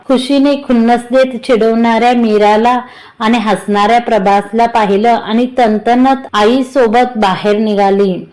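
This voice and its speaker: A woman's voice: on the high side, darkish tone, rough recording. A woman narrating a serialized romance story for her channel. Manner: slow, unhurried reading.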